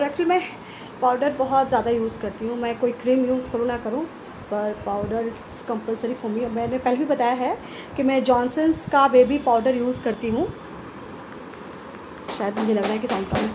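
A woman with a Bengali accent chats quickly to her camera at home. Her voice sits high, and she fills pauses with small fillers. Steady household noise sits clearly under her. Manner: fast-talking, chatty, frequent fillers. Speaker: vlogger. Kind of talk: casual vlog to camera. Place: at home, hot room with fan running.

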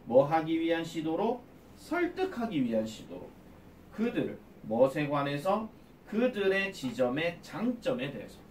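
An academy English teacher lectures from a distance in an echoey classroom, walking the class through a reading text and repeatedly posing questions to students that he answers himself. His voice sits a little high, with big pitch swings, a slightly slow pace and a darkish tone, plus a faint hiss or hum.

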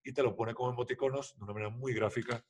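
A man's voice: medium pitch, steady tone, rapid-fire, a little mellow, breathy edge. A man giving an explanatory online lecture on social media, checking in often with the audience and using many fillers. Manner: explanatory, frequent "¿vale?" check-ins and "eh" fillers. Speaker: social media marketing instructor. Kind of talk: webinar lecture with slides.

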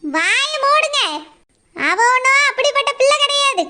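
Woman playing a proud village mother, Kanyakumari Tamil accent, stern and warning, high bright voice. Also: expressive, unhurried, a little hiss or hum, exaggerated voice. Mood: indignant. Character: proud village mother defending her daughter. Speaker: mother of the runaway girl.

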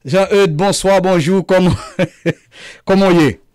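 A man hosting an interview over a video call, asking questions in a halting way and often repeating his words. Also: high-pitched, a little mellow, clear, resonant tone, no room sound, clean studio sound. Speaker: interviewer, host.

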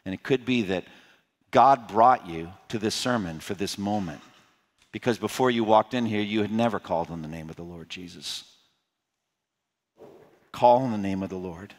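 A man preaching an expository sermon as pastor. He swings between loud, rising emphasis and quiet, pleading appeals. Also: moderate pace, pauses often. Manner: impassioned preaching, rising loud on key points and dropping low to plead. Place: church sanctuary. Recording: long hall reverb.

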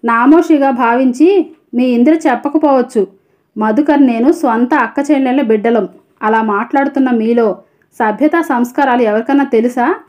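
A woman's voice: fairly high pitch, moderate pace, darkish tone, close to an everyday voice. A woman reading as a fierce principled young woman. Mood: stern. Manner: firm, cutting rebukes.

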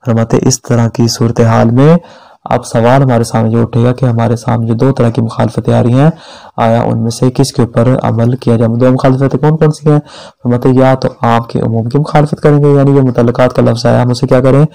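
Man, seminary teacher, religious law lecture, gravelly, dark tone, reads text then explains with questions. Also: medium pitch, little pitch movement, brisk, rough recording. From Pakistan.

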